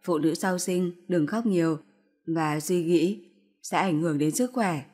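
A woman's voice: on the low side, measured pace, dark tone. A woman voicing a fierce older mother-in-law who scolds harshly in a storybook reading. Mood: gentle coaxing.

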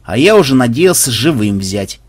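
A man voicing a gruff, grumbling older grandfather who is a soldier, in an audiobook. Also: mid-range voice, very animated, normal speed. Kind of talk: audiobook voice acting.

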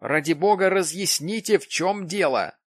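A man voicing an excitable, insistent businessman in an audiobook, talking emphatically with raised pitch. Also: moderate pace, no room sound. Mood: pleading. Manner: emphatic, exclaiming. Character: excitable middle-aged businessman, pushy and insistent.

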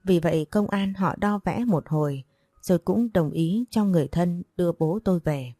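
A woman reading a first-person story aloud in a measured, emotive storytelling manner. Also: lowish voice, dark tone, no room sound, clean studio sound, soft background music. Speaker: audiobook narrator.

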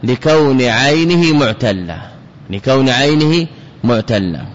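A male scholar with a mid-range voice teaches classical Arabic grammar at a measured pace, expressive as he repeats key words and puts questions to his students. The dull, lo-fi recording has a long hall reverb.

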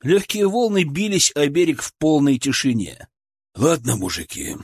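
Male audiobook narrator, husky, lively reading, dry close mic. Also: on the high side, moderate pace, dry recording.

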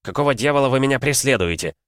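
A man reading an audiobook voices a mocking, unhinged male colonel who taunts loudly. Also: mid-range voice, animated, fast, smooth, no room sound, studio quality, pitched above the performer's own voice, close to an everyday voice. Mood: taunting. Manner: taunting, cackling, loud.

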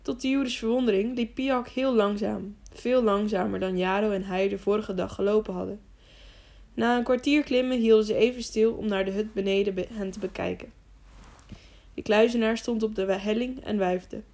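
A woman narrating a children's novel as an audiobook, reading in a calm, steady way. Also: medium pitch, moderate pace, vocal fry. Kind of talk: scripted narration.

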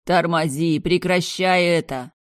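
A woman voicing an alarmed young brother who keeps shouting urgent warnings, with a dry close sound. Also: lowish voice, fairly even intonation, a little slow, dry recording, lightly acted. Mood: urgent pleading. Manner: urgent, pleading, raised voice.

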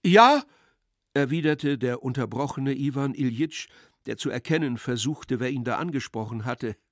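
A man narrating a classic story in a measured, expressive literary reading. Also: mid-range voice, dry recording, studio quality.

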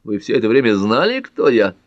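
A man voicing a sharp-tongued young woman in an audiobook, with quick, mocking retorts and a slightly raised voice. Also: medium pitch, very animated, no room sound. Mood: teasing. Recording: dull dry lo-fi audiobook.

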